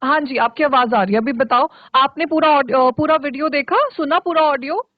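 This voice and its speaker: A woman's voice: high voice, moderate pace, no room sound. A woman from Uttarakhand teaching a children's online spoken English class, patient and checking often that the pupils follow. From Uttarakhand, India. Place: studio for a virtual classroom. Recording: tinny, dry, phone-like line.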